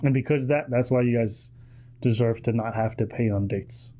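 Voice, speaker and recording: A man's voice: mid-range voice, normal speed, a little mellow. A man on a podcast panel making sarcastic, mocking points. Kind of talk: podcast debate.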